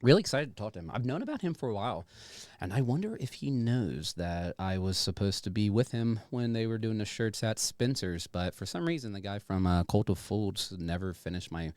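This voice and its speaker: A man's voice: fairly low pitch, lively intonation, fairly quick, a little mellow, no room sound, studio quality. A man hosting a podcast in casual chat, rambling and playful, with some swearing. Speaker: podcast host.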